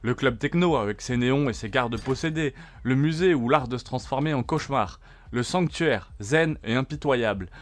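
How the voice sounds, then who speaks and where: A man's voice: medium pitch, expressive, moderate pace. A man narrating a scripted video game review in punchy short phrases and rhetorical questions. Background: faint background music.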